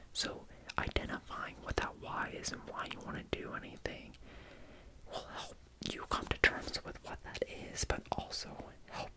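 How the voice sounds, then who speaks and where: A young adult man speaks entirely in a whisper, right up at a desktop microphone in a small room at home. It is a fast, rambling ASMR delivery, casual and unscripted. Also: poor audio. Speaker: ASMR creator. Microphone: desktop condenser microphone, close up.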